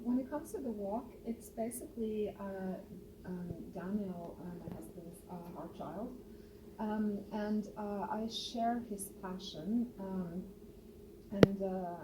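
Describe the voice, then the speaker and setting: A woman raised in Norway, a guest on a casual radio interview, talking with many hesitant fillers. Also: mid-range voice. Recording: roomy, distant mic, noisy.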